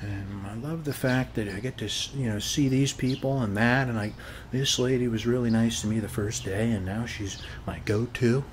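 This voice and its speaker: A mid-range voice, lightly acted and moderately paced, comes through with slight background noise. It's an ASMR performer portraying a suburban neighbor who's friendly and chatty, soothing in a folksy way and repeatedly adding "okay?" as a check-in during this casual roleplay.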